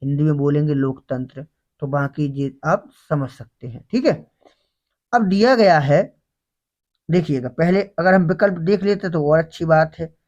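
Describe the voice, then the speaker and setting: A man with a fairly high voice teaches English words for an exam, speaking in Hindi. He reads each English phrase slowly, then asks the class for the answer and gives it himself. The recording sounds a little dull and lo-fi. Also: animated, darkish tone. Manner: asks students questions and answers them himself. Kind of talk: exam-prep grammar lesson.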